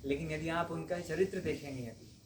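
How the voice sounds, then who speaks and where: A man's voice: on the high side, a little fast, slight background noise. A man teaching a devotional class in a conversational way, often checking in with his listeners in front of a live audience. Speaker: spiritual teacher. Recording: roomy hall with faint ambience.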